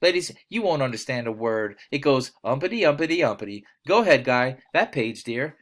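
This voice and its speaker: A man's voice: mid-range voice, big pitch swings, a little fast, close to an everyday voice. A man reading aloud and voicing a nervous, chattering housewife in a coaxing, overly cheerful way. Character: chattering, anxious housewife, adult woman.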